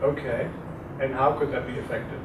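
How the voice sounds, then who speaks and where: This is a university talk by a German-accented guest lecturer, a middle-aged man whose voice sits at medium pitch and moderate speed. Relaxed yet hesitant, he leans on lots of fillers, chats freely and puts questions to the audience, who also ask him questions. The sound is distant, noisy and echoey.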